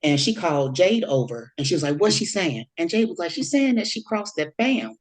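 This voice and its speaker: A woman's voice: on the low side, sing-song, a little fast, rough recording. A woman guest on a podcast, telling a story in a dramatic, slangy way. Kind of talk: casual storytelling.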